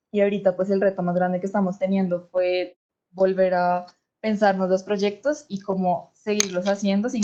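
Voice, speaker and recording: A woman's voice: medium pitch, darkish tone, highs cut off, slight background noise. A young woman from Bogotá with a Colombian accent, a history student answering a panel question reflectively, thinking aloud, over a video call. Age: young adult.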